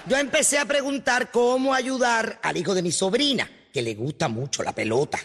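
A man voicing an indignant older woman who complains loudly in a radio comedy sketch. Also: high voice, lively intonation, normal speed, big-room sound, exaggerated voice.

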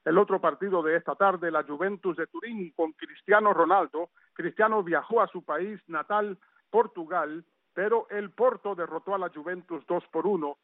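A sports reporter with a high-pitched voice reads a radio sports news roundup at a moderate pace. He keeps it conversational, with chatty asides. The recording is dry and has a tinny, phone-line sound.

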